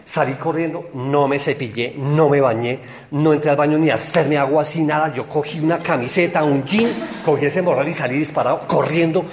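A young Colombian man telling a personal anecdote in a rambling, excitable way. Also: on the high side, a little hiss or hum. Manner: excited, rambling, quick storytelling with laughs.

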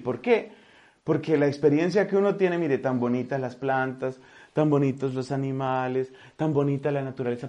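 A man from Colombia preaching a sermon in an animated, folksy way, repeating key phrases and slipping in humor. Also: mid-range voice.

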